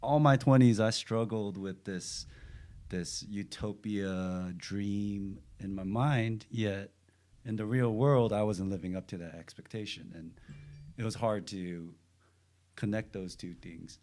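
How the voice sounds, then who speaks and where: A man around thirty from Los Angeles, a podcast guest talking in a halting, thoughtful way with many fillers. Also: fairly low pitch, darkish tone. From Los Angeles, United States. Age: 30s. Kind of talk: casual podcast chat. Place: studio.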